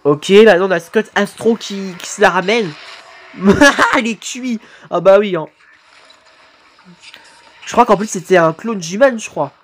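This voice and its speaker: A man commenting live on videos his subscribers made, excitable and quick to exclaim and swear. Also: sits high, a little hiss or hum. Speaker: YouTuber reacting to fan animations.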